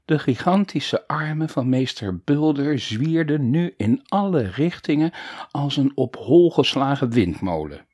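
A man narrating a children's storybook in a playful, animated way. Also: mid-range voice, measured pace, husky, dry recording, studio quality. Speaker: audiobook narrator.

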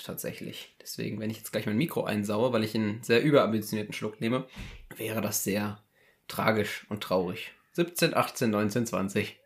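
A man hosting a casual podcast, playfully reading out a list and chatting to distract his co-host. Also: mid-range voice. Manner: playful, deliberately distracting with counting. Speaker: podcast host running a memory game.

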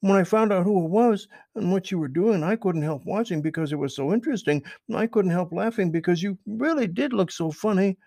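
A man's voice: high-pitched, a little fast, vocal fry, few pauses, a little mellow, dry recording, studio quality, voice pushed up. A man voicing Peter Rabbit, an eager and apologetic young male rabbit, in an earnest, pleading storybook reading. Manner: earnest, pleading, wide-eyed.

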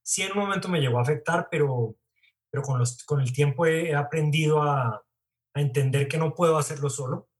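A man's voice: fairly high pitch, brisk. A man, an actor being interviewed, answering in an earnest, reflective way. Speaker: actor guest.

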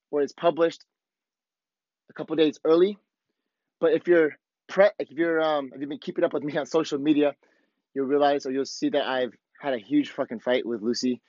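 Hoarse man in a roomy, dull recording. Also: fairly high pitch, steady tone, a little fast, darkish tone. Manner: candid, rambling, heavy swearing. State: hoarse, voice worn out from overuse. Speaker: podcast host. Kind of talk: casual, profane motivational monologue.

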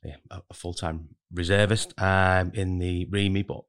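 Low voiced guy being interviewed, pretty monotone, casual and rambly, hedges a lot. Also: moderate pace. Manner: rambling, heavily hedged with kind of and really. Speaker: podcast guest, recruitment manager.

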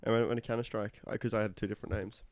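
A man's voice: fairly low pitch, little pitch movement, rapid-fire, darkish tone, clean tone, no room sound. A young man chatting casually about competitive gaming, brash and boastful, swearing freely. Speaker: competitive gamer. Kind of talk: casual chat.

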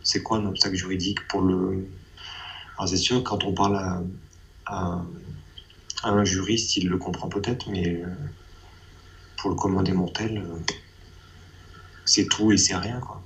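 A man's voice: deep voice, steady tone, a little slow, gravelly, pauses often, a bit bright, poor audio. A man giving a hesitant personal testimony in an interview, often repeating and restarting his phrases.

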